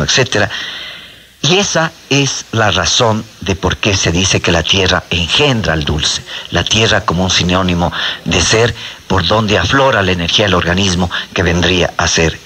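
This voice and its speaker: A man's voice: low-pitched, bright, forceful tone, breathy edge. A man explains medical ideas to a host, often repeating small words as he searches for the next one. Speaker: acupuncture and medicine guest expert.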